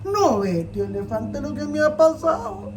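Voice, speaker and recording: A woman's voice: sits high, big pitch swings, moderate pace. A woman with a Costa Rican accent voicing a sly, skinny little male rabbit trickster who pleads and wheedles in a told folk tale. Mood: wheedling. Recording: distant mic with faint noise.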